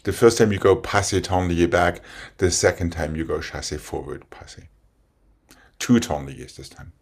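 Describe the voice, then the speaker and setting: A man's voice: sits low, expressive, moderate pace. A man teaching ballet, directing firmly and calling out combinations step by step in short rhythmic phrases. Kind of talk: dance instruction, calling out combinations.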